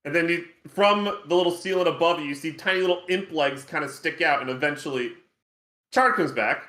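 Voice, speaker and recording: A man's voice: on the high side, a little fast, pushed and bright. A young man acting as game master, casually narrating a tabletop game with many fillers and restarts. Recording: echoey room.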